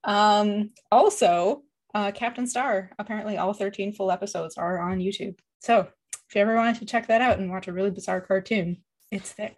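A woman's voice: mid-range voice, normal speed. Wry woman co-host chatting. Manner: wry, animated storytelling. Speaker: podcast co-host. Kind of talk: casual book-club chat.

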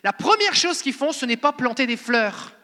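French-accented male pastor, high bright voice, casual playful sermon, long church-hall reverb. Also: big pitch swings, normal speed. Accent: French (France). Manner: conversational, playful preaching.

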